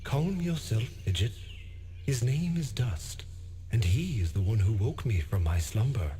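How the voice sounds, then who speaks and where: An ancient sentient blade from a fantasy game. The voice is slow, measured and solemn, with expressive swells of pitch. He sounds wise and formal, over faint music. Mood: calm, grave. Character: solemn ancient talking sword, wise and calm male spirit. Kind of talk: video game voice acting.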